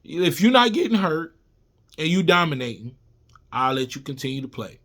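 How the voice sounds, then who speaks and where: A man giving casual, animated sports commentary to his viewers, repeating points and talking to them as y'all. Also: on the high side, moderate pace. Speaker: sports vlogger.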